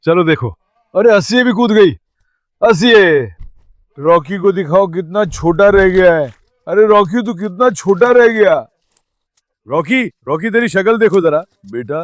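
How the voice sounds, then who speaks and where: A man's voice: high-pitched, dry recording. A man vlogging outdoors at the sea, calling and coaxing his dogs with pet names in an affectionate way. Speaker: dog owner vlogger. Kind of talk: casual vlog talk to pets. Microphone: handheld mic.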